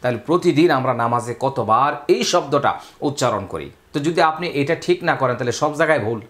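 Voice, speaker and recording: A man teaching a Quran reading lesson, explaining rules and then chanting the words slowly in a raised voice. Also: mid-range voice, expressive. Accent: Bangladeshi Bengali. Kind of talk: step-by-step recitation lesson.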